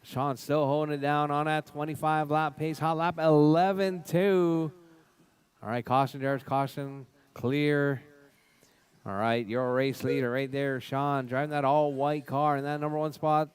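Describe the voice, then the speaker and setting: A man's voice: a little high, steady tone, measured pace, smooth. A man giving live race commentary like a spotter, in repetitive clipped calls of running order and cautions. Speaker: race announcer.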